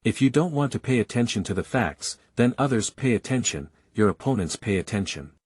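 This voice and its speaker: A man's voice: medium pitch, expressive, brisk, darkish tone, breathy edge, dry recording, studio quality. A man reading a historical parliamentary speech aloud in a declamatory, oratorical manner.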